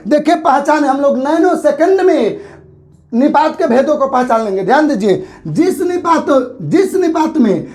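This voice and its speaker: A very high-pitched male teacher gives a grammar lesson for exam preparation. He poses questions and answers them himself, repeating the key terms.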